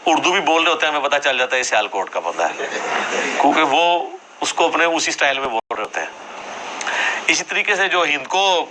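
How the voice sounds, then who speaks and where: A man's voice: a little high, big pitch swings, noisy background. A man giving a classroom religious lecture, explaining points conversationally and checking that listeners follow. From Jhelum, Punjab, Pakistan. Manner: conversational, explanatory, asks for agreement with tag questions.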